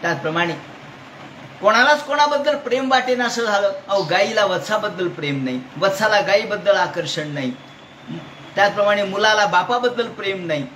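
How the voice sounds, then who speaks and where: A man's voice: high voice, expressive, normal speed, pushed and bright. A man giving a devotional scripture discourse, chanting verses and then explaining them while he asks his listeners questions. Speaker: Bhagavata discourse speaker. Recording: echoey hall with faint noise.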